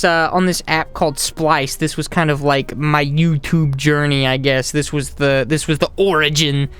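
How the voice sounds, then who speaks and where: Young male vlogger from the American South, scattered, restart-heavy delivery, slightly high, clean voice. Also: a bit bright, smooth. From Southern United States. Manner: rambling and jumpy, with many restarts. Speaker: YouTuber. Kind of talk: casual vlog monologue.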